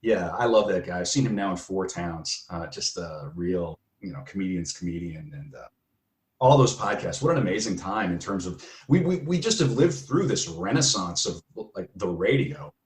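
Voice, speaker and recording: A man guesting on a podcast, chatting casually and breaking into laughter as he tells stories. His voice sits fairly low and rings in a roomy, echoing space. He keeps an easygoing, animated flow. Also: moderate pace. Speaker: guest playwright. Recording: roomy echo.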